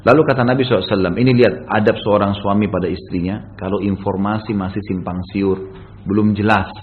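A man delivering a storytelling sermon at a rapid clip. He keeps turning to his listeners with rhetorical tag questions. The recording is muffled and lo-fi. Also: fairly low pitch, fairly even intonation. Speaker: preacher.

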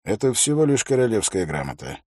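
A man voicing a gruff, grey-bearded old ranger who speaks in a dry, wry, unhurried way. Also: fairly low pitch, big pitch swings, a little mellow, dry recording, voice pushed up.

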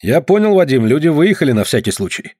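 A man's voice: fairly high pitch, big pitch swings, fast talker, darkish tone, breathy edge, no echo, studio quality, voice pushed up. Man doing a clipped police duty officer. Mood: official. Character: brisk police duty officer, male, lieutenant colonel.

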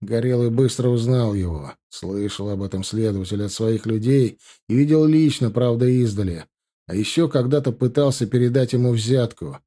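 A male audiobook narrator with a mellow, dark voice, telling a gritty crime story at an even, steady pace. His delivery stays calm between the scenes. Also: medium pitch, moderate pace. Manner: steady storytelling with character quotes.

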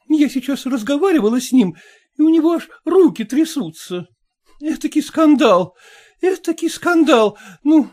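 Man voicing a scolding mother, fussy, nagging, animated, warm-toned. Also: very high-pitched. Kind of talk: audiobook character voice.

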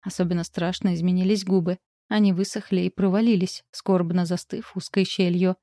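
A woman narrating a literary story in a calm, measured audiobook reading. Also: lowish voice, dry recording.

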